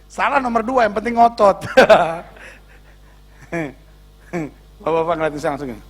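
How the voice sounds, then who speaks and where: A man's voice: high voice, expressive, normal speed. A male pastor preaching a sermon in church, joking and teasing the congregation.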